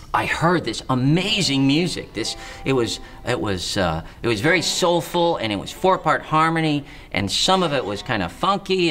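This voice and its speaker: A man with a fairly low voice tells stories in an interview. He stops and restarts often and leans on lots of fillers. Music plays clearly behind him. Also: a bit bright. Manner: halting, with many restarts and fillers. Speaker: harmonica player and singer interviewed. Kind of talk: interview storytelling.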